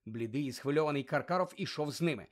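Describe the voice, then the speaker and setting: A man narrating an audiobook with lively, expressive reading. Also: a little high, fast talker.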